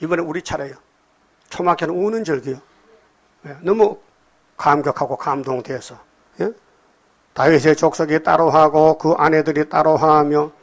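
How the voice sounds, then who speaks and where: Before his congregation in a church hall, a preacher reads scripture aloud and unpacks it in blunt, everyday language, firing quick questions at his listeners. His voice jumps into loud, emphatic bursts and then drops to low, murmured asides.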